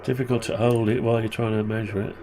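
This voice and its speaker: Over a crowd in the background, a hobbyist presenter speaks quickly in a lowish voice that barely moves in pitch. His nose is blocked and he's worn out with flu, so he sounds muffled, thinking aloud and muttering as he wanders through a relaxed hobby how-to.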